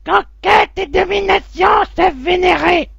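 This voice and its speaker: An actor voicing a servile, menacing alien henchman in an animated short. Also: extremely high pitch, unhurried, gravelly, raised voice, heavily acted. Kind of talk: cartoon villain acting.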